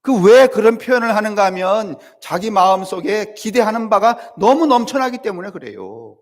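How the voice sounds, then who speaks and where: Korean pastor preaching, higher-pitched voice. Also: male voice, big pitch swings, normal speed. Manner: conversational preaching with rhetorical questions to the congregation; swings between loud high emphasis and low quiet asides. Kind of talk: sermon. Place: church.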